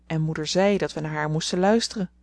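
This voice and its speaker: Earnest bossy big sister, steady voice, a woman reading her. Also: low-pitched, quick pace, dry recording. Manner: earnest, commanding. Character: sensible bossy eldest sister.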